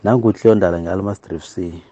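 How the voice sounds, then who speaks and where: A man's voice: low voice, quick pace, dark tone. A man with a South African accent giving casual football opinions as a caller to a sports show, on a dull recording.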